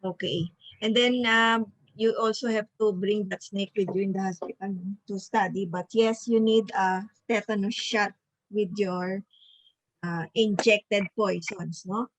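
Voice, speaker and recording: A woman's voice: medium pitch, fairly bright tone, no echo, low-quality recording. A woman leading an online nursing review class over a video call, often tagging her points with a questioning "no?".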